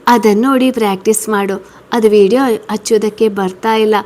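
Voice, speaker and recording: A woman's voice: mid-range voice, fairly even intonation, fairly quick, darkish tone, lightly acted. A woman voicing a teasing, affectionate young husband in a read-aloud story. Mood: coaxing. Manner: teasing, coaxing. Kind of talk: storybook reading.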